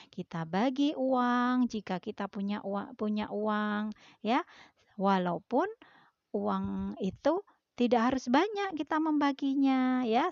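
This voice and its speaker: A woman teacher speaks very slowly to young pupils. Her delivery is gently instructive, with soft tag words at the end of her phrases. Her voice is gravelly and fairly high, on a dry, muffled and lo-fi recording. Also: no room sound. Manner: slow and gently instructive, often adds "ya". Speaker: primary school teacher. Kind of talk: recorded lesson for children.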